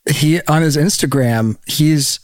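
A man's voice: slow pace, dry recording. A man co-hosting a podcast, chatting casually and joking in a rambling way. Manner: joking, rambling, animated pitch. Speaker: podcast co-host. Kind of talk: casual chat.

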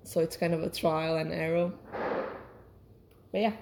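Lower-voiced woman in casual reflective monologue. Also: steady tone, unhurried, vocal fry, noisy background. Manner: hesitant, searching for words, self-correcting. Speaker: solo podcast host.

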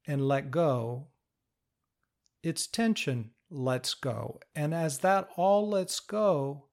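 A man giving a patient, step-by-step instructional talk, explaining calmly. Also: on the high side. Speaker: teacher of inner-parts work.

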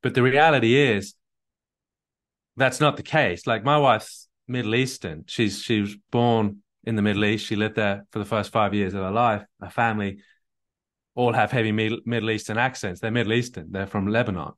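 An English man coaching on a live call, explaining a point with quick restarts and acted-out quotes. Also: lowish voice, a bit bright. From England.

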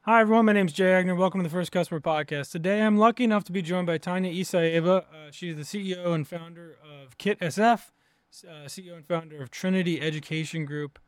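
An upbeat, chatty man hosts an interview podcast and puts questions to his guest. His voice sits a little high for a man. The sound is close and dry. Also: fast talker, smooth, no room sound. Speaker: podcast host. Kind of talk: casual interview hosting.

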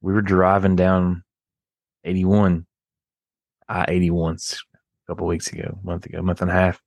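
A man's voice: sits low, monotone, moderate pace, no echo. A man talking casually as a podcast co-host, telling things in a conversational way.

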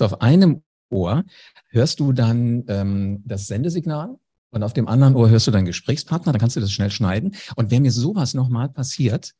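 A man's voice: medium pitch, warm tone, husky. A man, a former radio host, telling anecdotes in a casual interview, speaking directly to the listener. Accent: German.

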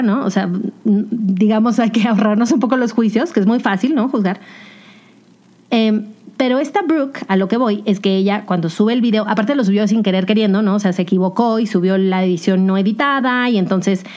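A young woman with a Mexican accent hosting a podcast, telling a personal story in a casual, animated confessional monologue. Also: mid-range voice, muffled recording. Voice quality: chatty, animated storytelling with English slang. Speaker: podcast host.

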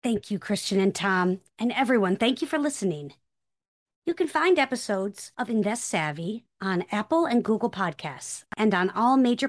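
A woman's voice: medium pitch, no echo, studio quality. A woman hosting and announcing a podcast, reading from a script.

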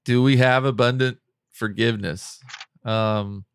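Smooth-voiced man in casual faith chat. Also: medium pitch, steady tone, a little slow. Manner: laid-back, reads scripture aloud with fillers. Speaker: podcast co-host.

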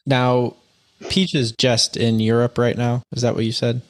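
A man's voice: mid-range voice, flat delivery, measured pace. A man interviewing a guest as podcast host, asking questions in a casual way.

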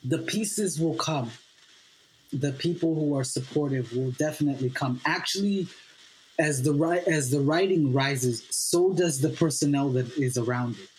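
A rough recording with a little hiss or hum carries the fairly high, slightly mellow voice of a playwright whose native language is Swahili. Interviewed on a podcast, he speaks earnestly and haltingly with fillers, later pressing emphatic lines again and again.

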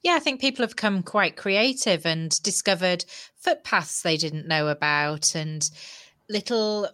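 A woman's voice: lowish voice, expressive, measured pace, bright, forceful tone, dry recording. A woman co-hosting a podcast, chatting in an enthusiastic way. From United Kingdom. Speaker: podcast co-host. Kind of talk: casual podcast discussion.

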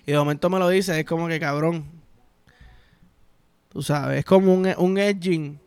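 A man's voice: a little high, steady tone, normal speed, a little mellow, smooth, no echo. A man with a Puerto Rican accent, hosting a podcast in a crude, rambling, profane comic monologue. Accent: Puerto Rican Spanish. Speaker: podcast host. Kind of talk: casual comedic podcast monologue.

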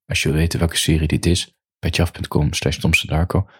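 A man musing aloud in an unhurried monologue as a podcaster, then reading his own story aloud. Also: rumbling low, flat delivery, breathy edge, dry recording, clean studio sound.

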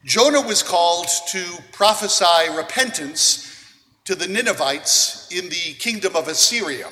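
A man serving as priest, reading the gospel and then preaching a homily in a measured, deliberate way with pauses. His voice rings with a long cathedral-like church echo. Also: sits high, expressive, pushed and bright, a little hiss or hum. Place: large church. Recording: long reverb of a large church.

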